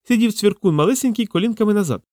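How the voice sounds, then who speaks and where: A man's voice: sits high, animated, quick pace, warm tone, no echo, studio quality, pitched above the performer's own voice. A man voicing a playful young woman colleague in a storybook reading, with a lighter, lifted delivery. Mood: musing.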